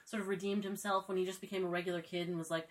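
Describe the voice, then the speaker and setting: A woman's voice: lowish voice, little pitch movement, rapid-fire, very noisy. A woman guest on a casual podcast chat, talking in a playful, teasing way.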